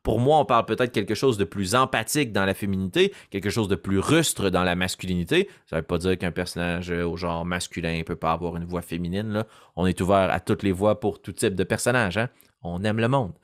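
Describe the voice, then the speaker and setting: A man's voice: low-pitched, fairly quick, no echo, clean studio sound. A man, a game master giving a casual tutorial on creating character voices and demonstrating as he goes. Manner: animated, demonstrates voices as he explains. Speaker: game master teaching voice acting.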